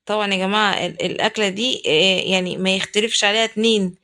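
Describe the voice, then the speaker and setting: A woman's voice: mid-range voice, fairly even intonation, very fast, bright, forceful tone. A woman with an Egyptian accent narrating a casual home cooking vlog, chatty and exclamatory, talking straight to her viewers. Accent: Egyptian Arabic. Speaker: cooking vlogger. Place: home kitchen.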